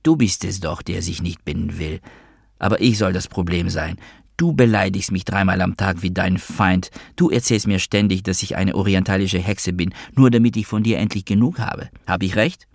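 A man voicing a fiery, bitter woman in her thirties who curses and accuses in a deep, dry reading. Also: moderate pace, gravelly, no echo. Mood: tearful accusing. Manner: cursing, accusing.

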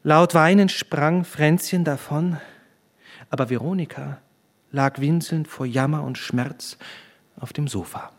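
Male reader, dramatic literary narration, husky, expressive. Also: a little high. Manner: slow, expressive, builds to excited peaks. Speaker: audiobook reader.

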